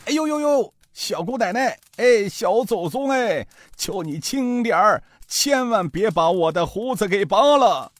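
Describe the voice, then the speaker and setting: A man's voice: high voice, lively intonation, a little slow, few pauses, no room sound, voice pushed up. A man voicing a comic old male master thief who grumbles and pleads in a wheedling whine. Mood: pleading.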